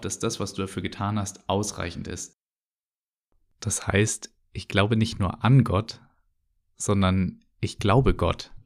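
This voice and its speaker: A man's voice: on the low side, darkish tone. A man giving an earnest, reflective devotional teaching monologue, stressing key phrases.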